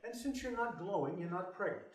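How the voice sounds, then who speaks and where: A man acts out a bookish middle-aged father in an audio drama. His pitch swings widely, and his manner is probing and articulate, loving yet volatile. He sounds set back from the mic in an echoey room. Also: expressive, fairly quick, far from the mic. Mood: measured, probing.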